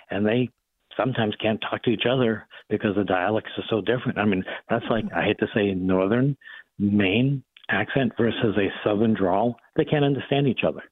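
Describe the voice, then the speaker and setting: An older man with a Boston accent, talking casually and modestly as a doctor guest on a radio interview, explaining things in a measured way over a phone line. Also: lowish voice, dry recording. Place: phone call into radio show. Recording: thin phone-line sound.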